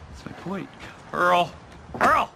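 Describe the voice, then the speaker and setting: An actor playing a playful, excitable man who runs a Santa's workshop, in a film. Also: mid-range voice, normal speed, a little hiss or hum. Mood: exasperated. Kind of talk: film acting.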